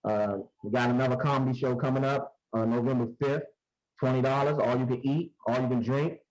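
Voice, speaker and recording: A man's voice: medium pitch, fairly even intonation, fairly quick, a little mellow. A man who is a comedian and coach, chatting in a laid-back, joking way over a muffled, underwater-sounding phone mic. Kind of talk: casual podcast chat over a call. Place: newly moved-into room at home.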